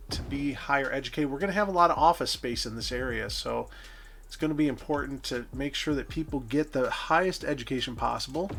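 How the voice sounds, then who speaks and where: A man's voice: medium pitch, creaky, fairly bright tone. Chatty man narrating his city-building game. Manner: chatty, thinking aloud with self-corrections. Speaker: gameplay commentator. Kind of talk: casual let's-play narration.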